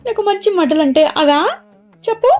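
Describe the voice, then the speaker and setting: A woman's voice: sits high, expressive, brisk, warm tone, voice pushed up. A woman voicing a sulky, pouting young woman in love who scolds and pleads.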